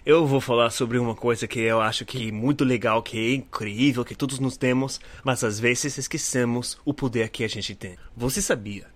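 A man's voice: mid-range voice, steady tone, moderate pace, few pauses, dry recording. A man from the United States, a native English speaker, hosts a casual motivational podcast in American-accented Portuguese, using simple learner phrasing and repeating for emphasis. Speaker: podcast host.

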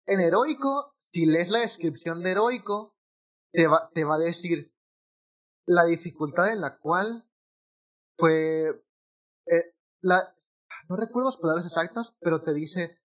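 Brief: young guy, slightly high voice, rambling gamer chat with slang. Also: a little slow, pauses often. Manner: animated, rambling with restarts and slang. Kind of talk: casual gaming chat.

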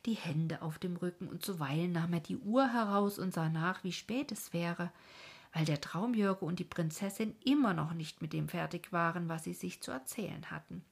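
A woman narrating a fairy tale in a soft, calm storytelling manner with a breathy voice. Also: fairly low pitch, normal speed.

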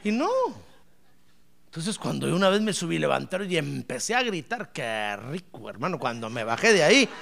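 A male pastor preaching a lively sermon, asking the congregation questions and swinging from shouts to soft asides. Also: a little high, moderate pace, gravelly. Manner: animated, playful, asks the congregation questions; bursts into shouts then drops to soft asides.

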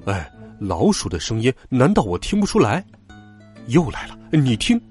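A man voicing a fussy, fanciful father who speaks in a hushed, secretive way. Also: medium pitch, big pitch swings, normal speed, soft background music, pitched below the performer's own voice, close to an everyday voice.

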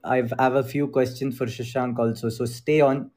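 A man's voice: mid-range voice, little pitch movement, moderate pace, darkish tone. Casual Indian-accented man hosting a group call. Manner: informal, mixes Hindi phrases into English. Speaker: host of an online group call on crypto investing.

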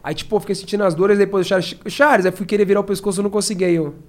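A man, a podcast guest telling stories in a slangy, animated way. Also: high voice, racing. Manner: slangy and animated, acts out his own past shouts. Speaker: podcast guest, professional fighter. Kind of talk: casual storytelling.

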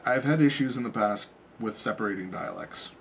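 A man's voice: fairly low pitch, lively intonation, a little fast, creaky, a bit bright, slight background noise. A man co-hosting a casual live stream, chatting and joking in a rambling way with frequent restarts. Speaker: co-host.

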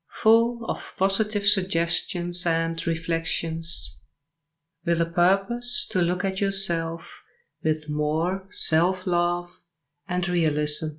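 Long pauses separate the short, soothing, measured phrases of a woman guiding a sleep meditation and hypnosis session. Her voice sits on the low side.

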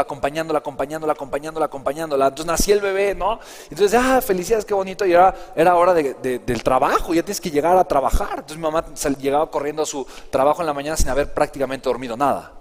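A man's voice: mid-range voice, big-room sound. A man telling his own story as a business mentor, often checking in with the listener through short tag questions. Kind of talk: motivational personal storytelling.

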